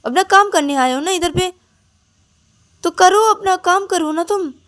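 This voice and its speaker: A lonely, anxious young woman who misses everyone at home. Her voice goes from quiet and hesitant to high, sharp scolding, as a woman storyteller puts her on. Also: fairly even intonation, normal speed, natural voice. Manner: pleading, rises to sharp scolding. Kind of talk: storybook narration.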